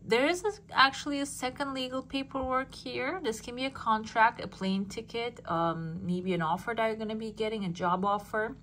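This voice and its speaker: A woman's voice: a little high, moderate pace, few pauses, fairly bright tone. A woman speaking as a fortune teller, giving a casual, conversational reading straight to the listener. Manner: fortune teller's direct address to the listener, often checking with "okay?". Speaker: fortune teller, channel host. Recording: clearly noisy background.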